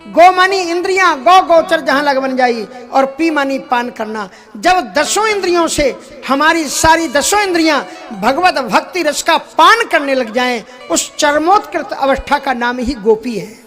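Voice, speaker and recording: A man with a notably high-pitched voice preaches a devotional sermon. He explains spiritual ideas through everyday anecdotes, chuckles along the way, and sometimes slips into English phrases. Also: lively intonation, measured pace, a bit bright, soft background music.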